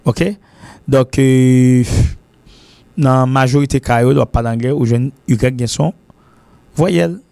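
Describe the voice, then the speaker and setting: A man teaching an informal English lesson, mixing French and Creole and repeating example words slowly. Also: mid-range voice, steady tone, gravelly, mellow, clear, resonant tone, no echo. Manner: mixes French and Haitian Creole.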